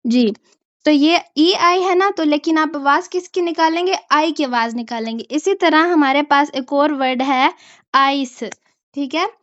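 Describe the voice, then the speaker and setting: A woman's voice: high-pitched, moderate pace, no echo, lo-fi sound. A woman teaching a German language class, explaining pronunciation patiently and checking in often with her students. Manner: patient, repeats "ठीक है?" to check understanding. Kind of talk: online language lesson.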